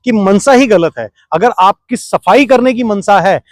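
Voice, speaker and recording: An interview guest with a high-pitched male voice argues hard in a heated political interview, unhurried but firing rhetorical questions and talking over interruptions. The recording is dry.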